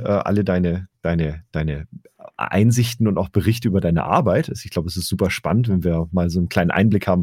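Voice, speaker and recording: Male podcast host, lower-pitched husky voice, conversational interviewing, close dry sound. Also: darkish tone, no room sound.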